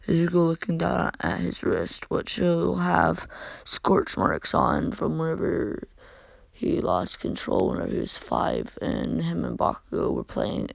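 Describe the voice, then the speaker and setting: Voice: medium pitch, creaky, a little mellow, no room sound. A fan storyteller improvising a story in a rambling, casual way with many asides. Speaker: fan fiction narrator.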